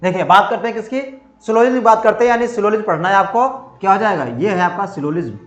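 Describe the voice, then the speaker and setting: High-voiced male teacher quizzing himself. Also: fast talker, highs cut off. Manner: drills by asking and answering his own questions; repetitive, emphatic. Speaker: reasoning teacher. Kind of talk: exam-prep lecture. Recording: echoey room.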